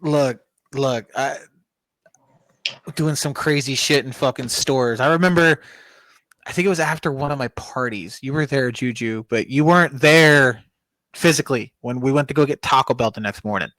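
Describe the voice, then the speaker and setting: A man's voice: medium pitch, moderate pace, fairly bright tone, no echo. A young man co-hosting a podcast, telling a rowdy, profane story in casual chat and laughing often. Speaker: podcast co-host.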